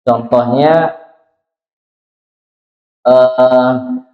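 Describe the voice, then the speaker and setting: A man's voice: mid-range voice, steady tone, very slow. A man teaching the pronunciation of Quranic letters in a small prayer room, patiently demonstrating sounds and drawing out recited words. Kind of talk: slow Quran pronunciation lesson. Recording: roomy, dull lo-fi sound.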